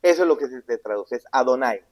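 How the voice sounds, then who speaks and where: A man preaching a sermon, asking the congregation questions and answering them himself, swinging between loud emphatic lines and low hushed asides. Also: animated, fast, highs cut off. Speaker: pastor. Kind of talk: sermon Bible teaching.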